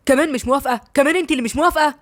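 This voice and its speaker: A woman's voice: fairly high pitch, racing, no echo, clean studio sound, natural voice. Woman voicing a firm young Egyptian man. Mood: indignant. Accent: Egyptian Arabic. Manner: firm, reasoning, sometimes raised. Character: young man, firm and level-headed son.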